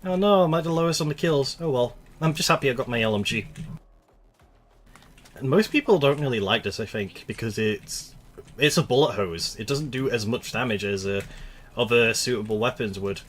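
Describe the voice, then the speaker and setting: A man's voice: mid-range voice, fairly quick, fairly bright tone. Chatty young man streaming a game. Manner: rambling and chatty, laughs at himself. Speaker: gaming streamer. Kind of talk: casual gameplay commentary.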